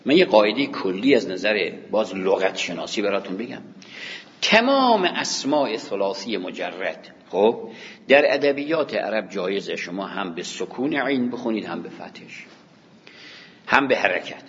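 A man's voice: lowish voice, lively intonation, a bit bright. A man teaching a grammar class, explaining patiently and counting aloud, speaking to his students. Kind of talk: classroom lecture. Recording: dull recording with long hall reverb.

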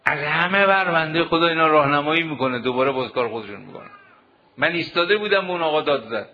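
A man's voice: on the high side, lively intonation. A man preaching a sermon to seminary students, exhorting them with rhetorical questions. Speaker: cleric teaching seminary students. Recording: dull lo-fi recording.

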